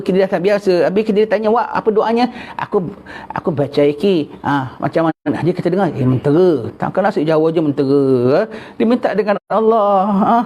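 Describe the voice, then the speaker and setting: Older teacher, chatty religious lecture, mellow voice, kinda muffled lo-fi tape. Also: male voice, high voice. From Singapore. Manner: conversational, folksy, mixes in Javanese and Arabic phrases. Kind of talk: kitab study lecture. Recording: dull lo-fi recording with faint noise.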